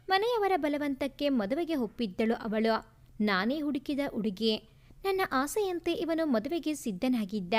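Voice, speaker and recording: A woman voicing a grieving middle-aged mother who talks gently and sorrowfully in a storybook tale. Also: high-pitched.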